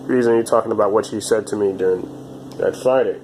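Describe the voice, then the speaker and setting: A man in his twenties talking alone to his channel in a halting, repetitive way, often restarting his phrases. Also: fairly low pitch, fairly even intonation, a little mellow, a little hiss or hum, poor audio. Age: 20s. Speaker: vlogger. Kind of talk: casual monologue to camera.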